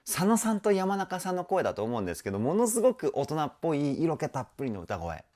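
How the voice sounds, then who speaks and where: A man's voice: a little high, wildly swooping pitch, quick pace, a little mellow. A man working as a vocal trainer, reacting to a song with enthusiasm and explaining singing technique in casual talk. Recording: music playing in the background.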